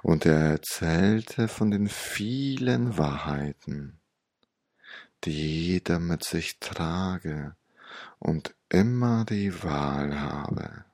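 A man guiding a meditation story in a hypnotic, soothing, old-sage manner with long pauses and a gravelly, breathy voice. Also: low-pitched, darkish tone, no echo, studio quality.

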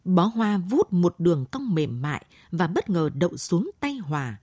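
A woman's voice: lowish voice, very animated, normal speed, mellow, husky, no echo, clean studio sound. A woman reading a literary short story as late-night narration.

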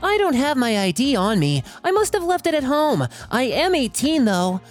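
A woman's voice: sits high, big pitch swings, normal speed, soft background music, voice pushed up. A woman voicing a meek, apologetic young adult daughter at a store counter. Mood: sheepish.

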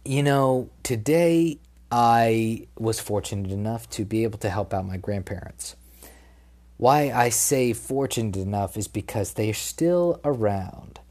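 A man's voice: fairly low pitch, unhurried, a little mellow. Drowsy, laid-back young man podcasting. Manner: laid-back, slangy and profane, joking asides. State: tired and drowsy. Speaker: podcast host. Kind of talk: casual podcast monologue.

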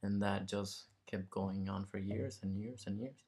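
A Mexican man guesting in an interview speaks casually and reflectively with a fairly low, fairly even voice, a darkish tone and a measured pace. He sounds tentative, searches for words, and checks in with the listener, often tagging statements with "right?".

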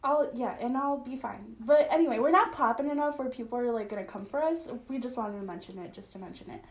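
A woman with a higher-pitched voice hosts a casual podcast chat, swearing freely and laughing often. Her voice rings in an echoey room. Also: quick pace. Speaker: podcast host.

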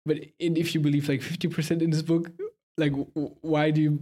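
A man hosting a podcast, asking questions in a casual, hesitant way with frequent pauses and restarts. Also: fairly high pitch, flat delivery, mellow. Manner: hesitant, many fillers and restarts. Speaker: podcast host. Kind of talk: casual interview.

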